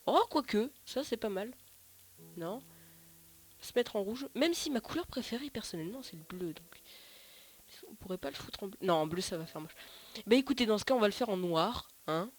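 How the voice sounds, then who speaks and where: A man's voice: sits high, animated, normal speed. A man giving casual, rambling gameplay commentary, often correcting himself and swearing casually. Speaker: let's play host.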